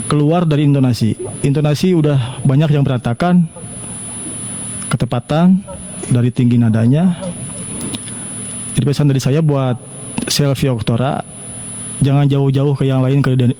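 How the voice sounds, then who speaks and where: A man's voice: mid-range voice, fairly even intonation, moderate pace, pauses often, warm tone, a little hiss or hum, rough recording. Blunt man judging singers. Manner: blunt, repeats his points for emphasis. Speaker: vocal judge. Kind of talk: critique in an online singing contest.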